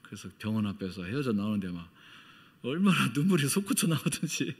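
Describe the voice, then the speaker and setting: A middle-aged man preaches a sermon as a missionary, at a moderate pitch. He tells his story with feeling and acts out quoted lines with big jumps in pitch and loudness. His voice rings with a long echo in a church hall. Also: very animated, fairly quick, slightly rough.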